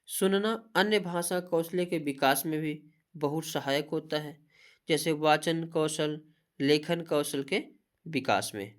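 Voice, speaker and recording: This is an exam-prep lecture from a Hindi teacher whose voice sits at medium pitch and moves slowly. She works through points in an even listing tone and frequently asks a question partway through a sentence before supplying the answer.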